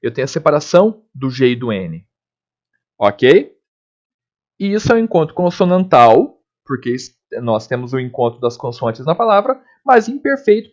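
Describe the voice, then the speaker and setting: Lively male teacher, lo-fi. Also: high-pitched. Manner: explanatory, checks in with "tá?" and "ok?", spells out letters and sounds slowly. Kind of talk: recorded grammar lesson. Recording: dull lo-fi recording.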